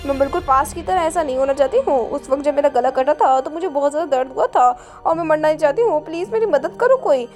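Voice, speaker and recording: A woman's voice: high voice, fast, hardly any pauses, a little mellow, faint music behind, lightly acted. A woman reading the thoughts of a frightened young woman caught in a dangerous situation, in a pleading inner monologue. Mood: anxious. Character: frightened young woman, time traveler, anxious.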